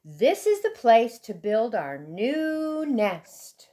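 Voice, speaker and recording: Storybook mother bird, played by a woman: high, slow, house-proud, contented, sentimental. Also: huge pitch swings, dark tone, heavily acted. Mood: pleased. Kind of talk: children's storybook character voice.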